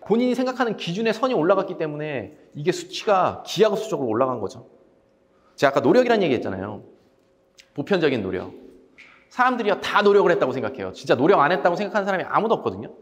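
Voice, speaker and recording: A man's voice: a little high, in a large hall. A man who coaches salespeople gives a motivational talk, telling stories animatedly and quoting his own blunt words. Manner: animated storytelling, quoting himself in blunt speech.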